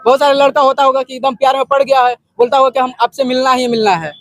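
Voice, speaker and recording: Very high-pitched man interviewing. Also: fairly even intonation, fast talker, a bit bright, dry recording, studio quality. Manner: repeats answers back, prompting. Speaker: interviewer, video channel host. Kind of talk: informal on-location interview.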